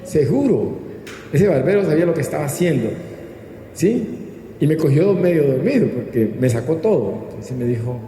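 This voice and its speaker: Preaching in a hall full of long reverb and background noise, this Colombian-accented pastor uses a fairly high, mellow voice with big pitch swings at a normal speed. His sermon is didactic, built on rhetorical questions and prompts for listeners to repeat after him and respond.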